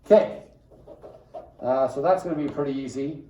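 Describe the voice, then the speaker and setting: A man's voice: medium pitch, normal speed, mellow, a little hiss or hum. A male math teacher giving a casual classroom lecture and checking in with the class often. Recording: echoey room, mic far off.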